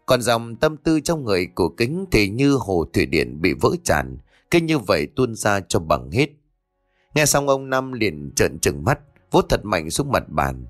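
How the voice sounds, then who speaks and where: A man narrating a ghost-story audiobook with expressive storytelling. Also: fairly low pitch, unhurried, no echo, faint music behind.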